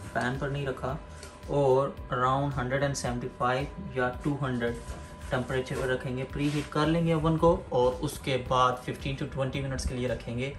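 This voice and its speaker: A man's voice: mid-range voice, fairly even intonation, moderate pace. A man hosting a home cooking video, chatting casually and explaining each step to viewers. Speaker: cooking vlog host. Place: home kitchen. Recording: echoey room with background music.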